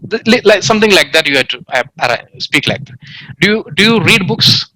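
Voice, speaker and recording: A man's voice: high-pitched, lively intonation, brisk, bright, forceful tone, slight background noise, poor audio. A man tutoring an online English exam class, explaining by example with many fillers and restarts, heard over a video call. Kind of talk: online demo class lesson.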